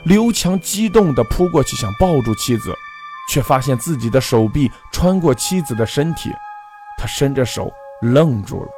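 Expressive male storyteller for a ghost tale, lively pitch, faint music behind. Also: normal speed. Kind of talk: scripted ghost story narration.

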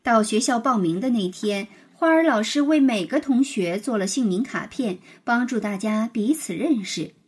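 A woman with a husky voice narrating a children's storybook in an expressive read-aloud manner. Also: fairly high pitch, moderate pace, few pauses.

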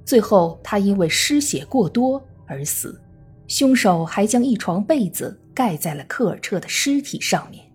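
A woman true crime narrator reading a scripted case story in a measured storytelling manner. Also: mid-range voice, sing-song, darkish tone, breathy edge. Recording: faint music under the voice. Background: faint background music.

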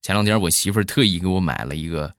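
Middle-aged male comic storyteller, lower voice, dry close sound. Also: dry recording. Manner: animated, drawn-out trailing 'ah's. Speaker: comedian storyteller.

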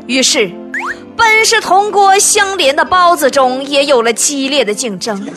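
A woman's voice: sits high, expressive, unhurried. A woman with a Northeastern Chinese accent delivering a theatrical comic monologue in an exaggerated, melodramatic way. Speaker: comic storyteller. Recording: music and audience noise behind. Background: music, crowd.

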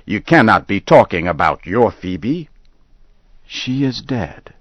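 A man voicing a hearty neighbouring farmer who speaks loudly and with disbelief. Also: on the low side, sing-song, takes it slowly, no room sound, highs cut off, heavily acted. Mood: incredulous.

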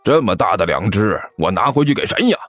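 A timid robber trying to sound tough, as a storyteller puts him on, stammering and blustering in a voice pitched lower than the narrator's own. His tone swings widely, and faint music runs beneath him. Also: big pitch swings, brisk, a bit bright, no echo. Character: bumbling male street robber, blustering but timid. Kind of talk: storytelling character voice.

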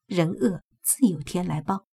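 A woman doing a sly secretary, quiet, half-joking, lowish husky voice. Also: unhurried. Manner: soft, half-joking undertone.

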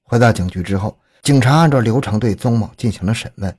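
Husky low-voiced man narrating true crime. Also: fast talker, darkish tone.

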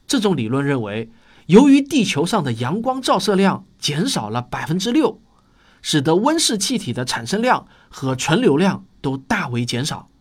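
A male narrator with a fairly high voice and very animated intonation. He delivers scripted popular science in the manner of a nature documentary, explaining step by step as if telling a story. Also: moderate pace, husky. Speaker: host of a popular science audio series.

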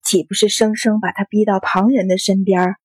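An older maidservant who coaxes and pleads gently, as a woman reader puts her on. Husky, dry voice in an audiobook story. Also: mid-range voice, normal speed, dry recording. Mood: coaxing. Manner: coaxing and pleading. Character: older female household servant, soothing peacemaker.

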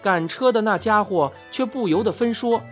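A woman's voice: mid-range voice, moderate pace. A woman telling a story in the first person, reading expressively and acting out the dialogue. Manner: lively, acts out the quoted lines. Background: faint music.

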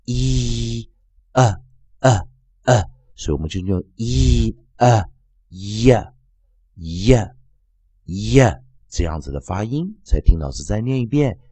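A man teaching English phonics and drilling each sound slowly over and over. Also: fairly low pitch, warm tone, slightly rough, no room sound. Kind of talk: phonics lesson.

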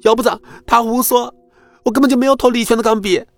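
A man's voice: very high voice, fairly even intonation, fast talker, dry recording, faint music behind, voice pushed up. A man voicing a young male security guard falsely accused, pleading desperately.

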